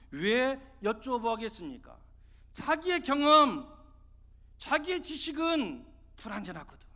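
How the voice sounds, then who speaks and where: A man's voice: very high-pitched, pushed and bright. A man preaching a sermon as pastor, pressing his points with rhetorical questions to the congregation. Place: church sanctuary. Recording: long church reverb.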